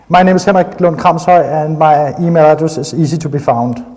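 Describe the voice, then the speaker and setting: A man from Denmark with a Danish accent gives a technical talk in a reverberant conference hall. His voice is on the high side and mellow, and he speaks enthusiastically with frequent hesitations.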